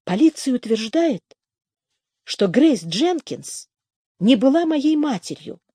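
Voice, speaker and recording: A woman reading the part of an anxious, stubborn young woman in a slow, raised voice. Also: high-pitched, big pitch swings, dark tone, breathy edge, no echo, clean studio sound, pitched above the performer's own voice, heavily acted.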